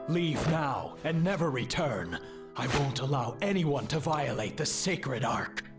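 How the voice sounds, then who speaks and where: A cold, proud hedgehog hero from a video game, speaking in short, solemn declarations. Game music plays clearly underneath. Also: male voice, medium pitch, very animated, unhurried.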